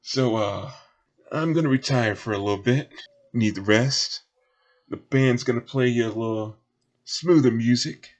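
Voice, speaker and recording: A man voicing a showy male nightclub host who booms out greetings and works the crowd. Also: unhurried, lightly acted. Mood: genial. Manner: booming, crowd-working showman.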